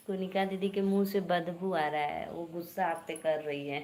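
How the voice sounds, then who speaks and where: A woman's voice: fairly low pitch, a little mellow, slight background noise. A woman with an Awadhi accent hosting a live stream, chatting casually and teasingly with viewers and greeting them by name.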